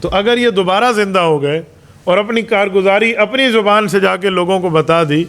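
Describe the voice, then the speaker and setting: Male mufti, middle-aged, high voice, emphatic storytelling Quran lesson. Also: fairly bright tone. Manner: storytelling, acts out quoted dialogue; explanatory, emphatic. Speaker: mufti, Islamic preacher. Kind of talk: Ramadan Quran lesson sermon.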